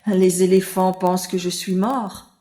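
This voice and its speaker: A woman's voice: lowish voice, level tone, a little slow, mellow, reverberant, lightly acted. A woman voicing a small, frightened baby elephant boy who talks in a childlike, plaintive way in a children's audiobook.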